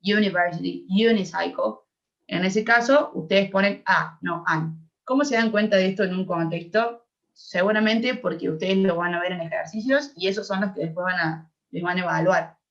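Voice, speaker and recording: This young woman's voice is lowish and moderately paced, carrying an Argentine Spanish accent. As an English tutor she teaches a grammar class, patiently explaining and checking her students follow, and the audio is dull and lo-fi.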